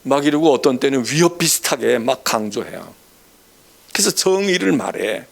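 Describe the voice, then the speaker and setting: A middle-aged man from South Korea preaching a midweek sermon as pastor, in a conversational way, acting out quoted voices and swinging from soft asides to stern emphasis. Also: medium pitch, expressive, moderate pace, vocal fry.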